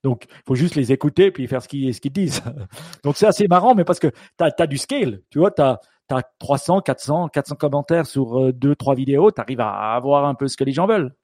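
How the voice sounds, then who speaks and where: Guy co-hosting a podcast, casual chat, lots of restarts and uh's, warm low tone. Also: expressive, a little fast, dry recording. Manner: thinks aloud, many restarts and fillers. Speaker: podcast co-host.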